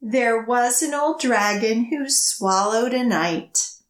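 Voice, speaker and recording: Leading a children's storytime, a woman reads picture books and action rhymes in an expressive, measured, sing-song way. Her voice is a little high, and the sound is roomy.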